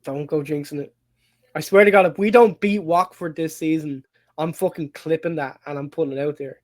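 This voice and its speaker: An Irish man co-hosting a relaxed football chat, his voice sitting a little high for a man. He gets worked up fast, swears freely and laughs often, tripping over his own restarts. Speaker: podcast co-host.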